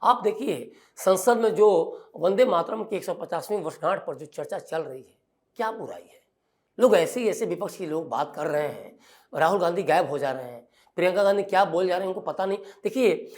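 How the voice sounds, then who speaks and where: A man's voice: sits high, expressive, brisk. A man speaking as a political commentator on a TV news panel, emphatic and firing off rhetorical questions.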